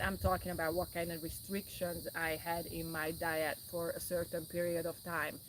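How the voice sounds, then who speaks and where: A woman's voice: lowish voice, low-quality recording. Woman host, earnest and repetitive, casual wellness talk, slight hiss behind. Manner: earnest, repetitive, restarts often.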